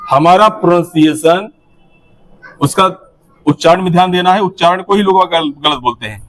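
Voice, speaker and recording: Male teacher trainer with a fairly high voice, coaching a group through a game, directive and instructive. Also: moderate pace, fairly bright tone, a little hiss or hum. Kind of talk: classroom activity instruction.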